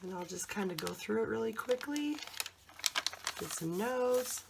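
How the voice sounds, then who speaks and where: Slow-talking woman with a croaky voice. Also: a little high, expressive, noisy background. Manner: chatty, hesitant, unhurried. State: throat trouble, slightly hoarse. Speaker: crafter presenting a handmade journal. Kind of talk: casual show-and-tell vlog.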